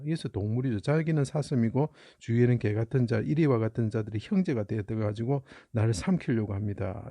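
Man, middle-aged, very dark mellow tone, dry sound, emphatic Bible lecture, rhetorical questions. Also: medium pitch, gravelly, dry recording. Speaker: Bible character teacher. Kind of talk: lecture on Bible Chinese characters.

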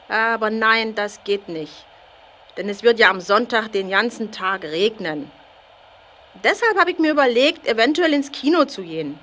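Actress as chatty woman, slightly high voice. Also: bright, forceful tone. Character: chatty female friend leaving a phone message.

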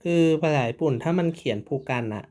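A man's voice: fairly high pitch, quick pace, darkish tone. A man teaching a writing lesson, patiently repeating each syllable and stroke order. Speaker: Japanese teacher. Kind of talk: slow step-by-step writing lesson.

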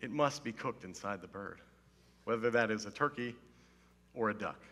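A slightly hoarse pastor in his thirties gives a casual, humorous sermon from a church stage with a wood-panelled wall, speaking through a headset mic. He is playful and self-mocking, putting on mock-serious drama in a bright, forceful tone, on the low side at normal speed. A long hall reverb trails his words.

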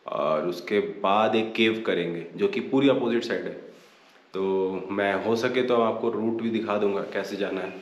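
Speaking at a normal speed in a lowish register, a male travel vlogger gives easygoing narration of his journey. He peppers his talk with enthusiastic English exclamations, first outside and then within a limestone cave.

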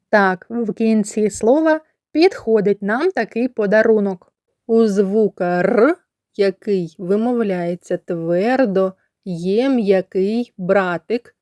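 A woman's voice: mid-range voice, darkish tone, no echo. A kindergarten teacher from Ukraine giving a lesson to young children, stretching out and repeating sounds as she teaches. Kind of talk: slow, clearly articulated lesson for young children.

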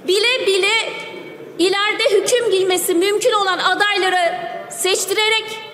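A woman lawmaker giving a forceful parliamentary speech at a rostrum microphone, firing off rhetorical questions. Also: very high-pitched, steady tone, moderate pace. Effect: speaking at a parliamentary rostrum microphone. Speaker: member of parliament. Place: parliament chamber. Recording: crowd murmur of parliament chamber.

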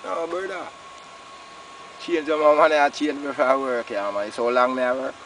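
A man's voice: mid-range voice, fairly even intonation, normal speed, a bit bright, distant mic, low-quality recording. An older Jamaican man reasoning casually in rasta-style patois, emphatic and repeating his phrases. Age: older, about 60s. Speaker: farmer being interviewed. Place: outdoors on a village roadside. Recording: outdoor roadside, off-mic, faint noise.

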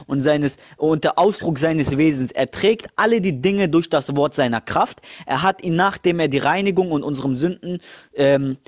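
A man's voice: fairly high pitch, normal speed, no echo, clean studio sound. A man in a heated live-stream religious debate, insistent and talking over others.

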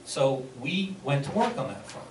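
A man on a school board answering a resident at a public meeting, measured and explanatory, with frequent restarts. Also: mid-range voice, big pitch swings. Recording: echoey room from far off, noisy.

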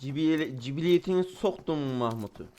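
A man's voice: a little high, a little fast, mellow. A man commentating his mobile gameplay, often ranting angrily with swearing. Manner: angry swearing rants. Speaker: mobile game streamer.

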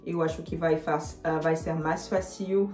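Slow-speaking young woman with a foreign accent. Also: sits low, fairly even intonation, a little mellow. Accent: non-native, foreign accent in Portuguese. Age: 20s. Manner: halting, searching for words. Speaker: YouTuber. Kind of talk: casual chat to camera. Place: small indoor room with bare walls. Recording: echoey small room, faint music behind.

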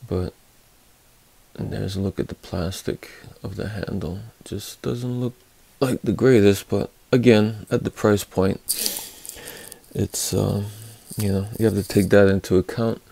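A man with a dark, mellow, somewhat gravelly voice talks through a hands-on tool review. He speaks very slowly and unhurriedly, pausing often with fillers and restarting his sentences. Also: fairly low pitch, steady tone, dry recording. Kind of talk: casual hands-on product review.

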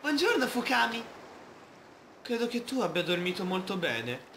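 A man voicing a sleepy, cheerful young girl sea witch in a sweet, girlish falsetto. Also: big pitch swings, moderate pace, sharp tone, echoey room, slight background noise, exaggerated voice.

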